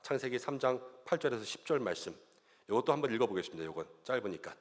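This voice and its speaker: A middle-aged man preaching a sermon as pastor, animated and acting out little voices and quotes as he goes. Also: mid-range voice, quick pace. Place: church sanctuary. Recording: long church-hall reverb.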